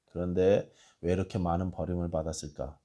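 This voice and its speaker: A man preaching a sermon as pastor in a church, telling the story with rhetorical questions and moving between hushed and raised emphasis. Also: sits low, level tone, fairly quick.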